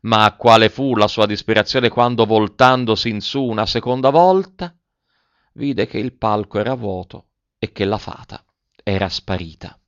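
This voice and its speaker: A man narrating a classic tale as an audiobook, telling it in a lively, expressive way. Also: on the low side, moderate pace, clear, resonant tone, dry recording, muffled recording.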